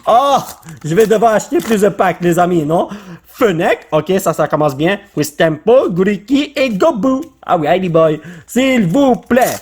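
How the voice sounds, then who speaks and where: Excitable man with a Quebec French accent. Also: measured pace, husky. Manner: excitable, bursts into high exclamations, sprinkles English slang. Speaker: YouTuber. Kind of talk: casual card-opening commentary.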